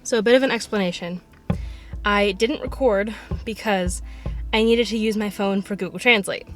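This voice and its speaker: Faint music sits behind this casual vlog, in which a woman in her twenties speaks at a moderate pace in a medium-pitched voice. She addresses her camera, its on-board mic at arm's length, first at home and then from a parked car, chatting in a slightly self-conscious way with many fillers.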